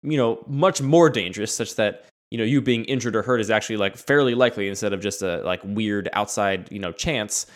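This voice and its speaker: A man's voice: fairly low pitch, brisk, hardly any pauses. A man co-hosting a casual conversation, working through his argument and laughing often. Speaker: podcast co-host.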